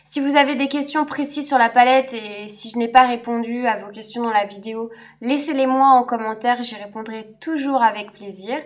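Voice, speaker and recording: A woman's voice: a little high, moderate pace. A woman beauty vlogger giving a casual makeup review, chatty and enthusiastic, with frequent hesitant fillers. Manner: enthusiastic and friendly. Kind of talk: casual product review vlog.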